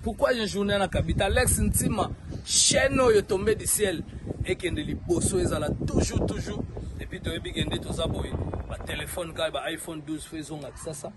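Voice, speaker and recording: A man giving enthusiastic, praising shout-outs. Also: high-pitched, brisk, very noisy. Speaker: fan sending shout-outs. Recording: crowd clearly behind.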